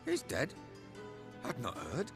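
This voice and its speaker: An actor playing a timid, deferential middle-aged bathhouse servant, prim and meek in manner. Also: male voice, mid-range voice, huge pitch swings, slow, vocal fry, over music, exaggerated voice. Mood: meek, anxious.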